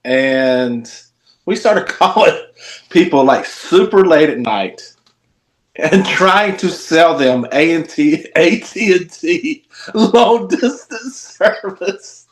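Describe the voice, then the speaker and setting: High-voiced man chatting on a podcast. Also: lively intonation, takes it slowly. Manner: laughing, self-mocking storyteller. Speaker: podcast co-host. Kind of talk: casual sports chat.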